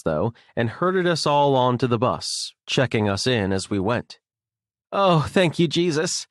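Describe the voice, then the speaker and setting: Low, wry male audiobook narrator. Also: no echo, studio quality. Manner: wry, sardonic. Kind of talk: scripted first-person narration. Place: recording studio. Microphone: close studio mic.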